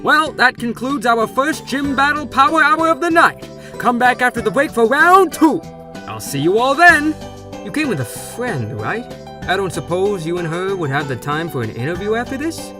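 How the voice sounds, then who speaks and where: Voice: mid-range voice, very animated, moderate pace, close to an everyday voice. An actor voicing a theatrical, polite male TV talk show host in a game story, with music behind. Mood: showy, excited. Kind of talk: showy talk show presenting.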